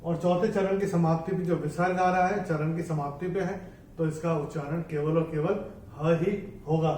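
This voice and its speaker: A man teaching how to chant verses, explaining each rule in a measured way and then chanting the lines slowly and more loudly. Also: a little high, steady tone, a little hiss or hum. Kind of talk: bilingual tutorial on chanting verses. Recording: echoey room, voice from a distance off the mic.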